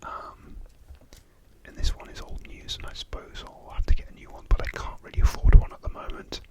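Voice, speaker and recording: A British man whispering casual, wandering ASMR rambles, hesitating and repeating words softly. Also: a little fast. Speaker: ASMR video host. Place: hotel room.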